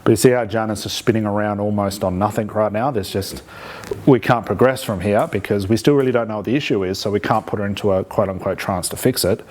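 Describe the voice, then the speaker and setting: Male instructor, lowish voice, conversational teaching delivery with frequent check-in questions. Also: fairly even intonation, fast talker, darkish tone. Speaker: hypnosis instructor. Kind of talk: live teaching demonstration with commentary.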